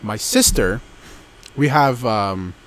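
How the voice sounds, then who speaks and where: Here a twenty-something podcast co-host chats casually, his lowish voice unhurried and slow. He rambles, restarting sentences and leaning on fillers. Slight background noise comes from the outdoor setting beneath a backyard gazebo.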